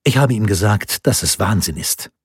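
A man reading a worried, devoted noblewoman, husky low voice. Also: lively intonation, moderate pace, no echo, studio quality.

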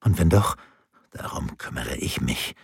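A man voicing a hardened, protective man who speaks low, hushed and urgent. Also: expressive, unhurried, creaky, slightly rough, no echo, clean studio sound, full character voice.

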